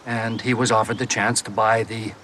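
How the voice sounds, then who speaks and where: A man's voice: lowish voice, little pitch movement, moderate pace, sharp tone, slight background noise. A man from the United States playing a genial, expansive antiques and manuscripts dealer who chuckles as he talks. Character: genial American male manuscripts dealer, jazz lover.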